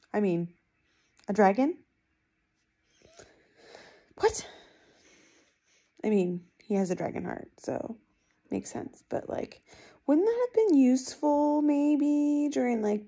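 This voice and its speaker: A book vlogger with a husky, darkish, mid-range voice chats casually to camera with her reactions to what she's reading. She's indoors in a small room at home, recording on a phone held at arm's length.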